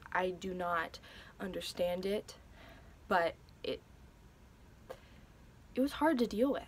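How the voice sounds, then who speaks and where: A woman's voice: fairly low pitch, darkish tone, slight background noise. A young woman telling a personal story in a vlog, hesitant and emotional, with many fillers and restarts. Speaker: vlogger.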